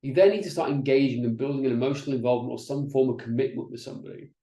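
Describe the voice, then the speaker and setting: Presenting slides for an online masterclass, a Welsh business coach who speaks Welsh as his first language talks rapid-fire in a warm, low-key voice. He's energetic and chatty, frequently restarting and tossing in "right?", and the room echoes.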